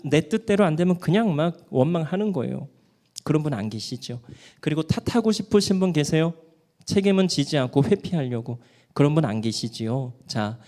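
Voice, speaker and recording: A pastor preaching in a lively sermon. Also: male voice, fairly high pitch. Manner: lively preaching, asks the congregation questions and answers them; acts out quoted grumblers in short put-on voices. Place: church sanctuary.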